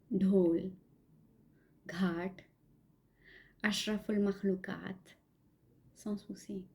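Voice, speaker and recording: A woman with a Pakistani accent and Punjabi as her first language, reading a reflective spoken-word monologue in a measured, poetic way that sometimes drops to a near-whisper. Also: medium pitch, dark tone. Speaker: podcast host.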